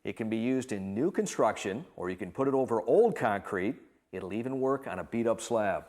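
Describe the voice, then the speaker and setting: A man's voice: on the low side, animated, moderate pace, darkish tone. A man hosting an infomercial with an upbeat, emphatic hard-sell delivery, presenting and putting questions to guests. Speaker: infomercial host.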